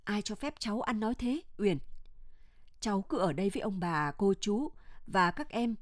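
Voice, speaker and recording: A stern, weary aunt who speaks in firm, clipped orders, as a woman storyteller voices her. The sound is dry and close-miked, at an everyday middle pitch. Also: lively intonation, moderate pace, no echo, natural voice. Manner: firm and scolding.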